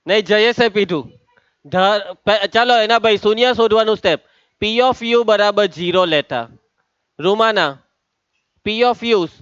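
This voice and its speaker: High-voiced teasing maths teacher. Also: male voice, fairly bright tone, clear, resonant tone, no echo, dull audio. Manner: teasing, calls on students by name. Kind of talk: lively classroom lesson.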